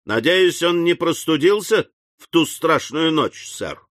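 A man reading an audiobook voices a sly, tearful hypocrite who fawns in a gushing, drawn-out, plaintive way. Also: on the high side, expressive, fairly bright tone, no room sound, studio quality, voice pushed up. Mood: gushing, fawning.

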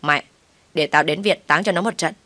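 A woman's voice: deep voice, normal speed, a bit bright, dry recording. Woman doing a brash, cursing best friend. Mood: outraged. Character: foul-mouthed hot-headed young woman friend.

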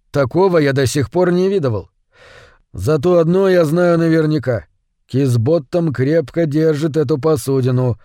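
A gruff island constable, as a male narrator puts him on, blunt and matter-of-fact, in a warm, dark voice. The recording is dry and close, like an audiobook read in a studio. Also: fairly high pitch, no room sound, lightly acted.

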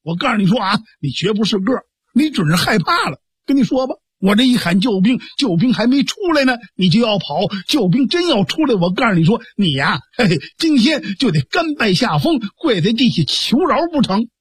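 A storyteller voicing a rowdy, boastful young man who taunts his sister in a pitched-up voice. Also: very animated, brisk, breathy edge, dry recording, clean studio sound. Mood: taunting. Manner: taunting, cocky shouting.

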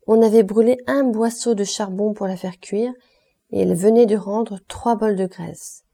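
A woman reading a classic novel aloud as an audiobook, in a steady, expressive manner. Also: mid-range voice, normal speed, gravelly. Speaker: audiobook reader.

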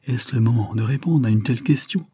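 A man's voice: mid-range voice, brisk, warm tone, breathy edge, dry recording, natural voice. A man reading aloud, voicing a frightened young woman prisoner in a trembling, pleading way.

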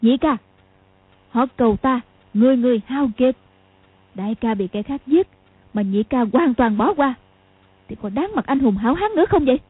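A woman's voice: a little high, lively intonation, normal speed, long pauses, breathy edge, no echo. A woman voicing a bitter, vengeful crippled old woman with a harsh, scolding manner, for an audiobook. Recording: tinny lo-fi audio.

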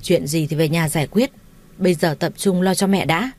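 A woman's voice: on the low side, moderate pace, darkish tone, lightly acted. A woman voicing a stern middle-aged father in a read-aloud story, scolding and commanding.

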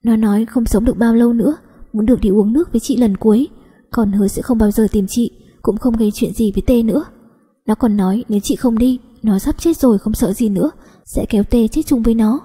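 A woman voicing a gentle young woman cousin who speaks choked and tearful in a story reading. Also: fairly high pitch, quick pace, husky, in a large hall.

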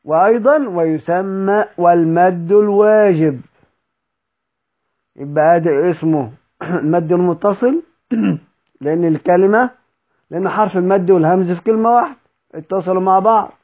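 With a high voice and frequent pauses, an Egyptian-accented Quran recitation teacher moves at a moderate pace through a recorded study session. He explains, repeats and quizzes his students on the points, and the audio lacks its high frequencies.

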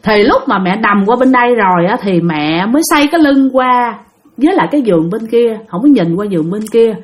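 A woman's voice: a little high, lively intonation, a little fast. A young woman telling a ghost story in a chatty way, talking straight to her listeners. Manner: chatty, addresses listeners directly.

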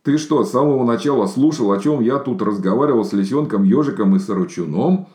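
Man voicing an earnest bear cub, lively tone, storybook. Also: medium pitch, brisk, echoey room, voice pushed up, natural voice.

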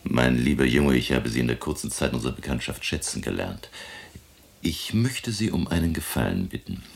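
An actor playing an elderly, eccentric professor in a German radio drama, emotional and courteous, theatrical and ruminative with rhetorical questions. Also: male voice, a bass voice, animated, normal speed, gravelly, a little hiss or hum, full character voice. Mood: confiding, courteous. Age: older.

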